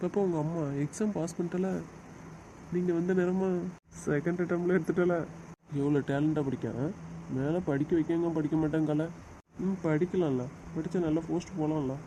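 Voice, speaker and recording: A man's voice: on the high side, fairly even intonation, moderate pace, warm tone, a little hiss or hum, poor audio. A young man playing a father in a homemade drama, cooing and coaxing his baby daughter. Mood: tender. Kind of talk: amateur web drama acting.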